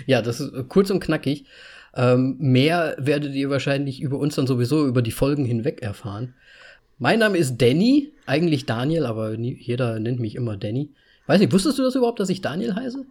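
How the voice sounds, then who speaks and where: A man's voice: medium pitch, lively intonation, brisk, a little mellow, husky. A man in his late thirties co-hosting a podcast in casual chat, talking in a rambling, chatty way and laughing often. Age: 30s. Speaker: podcast co-host.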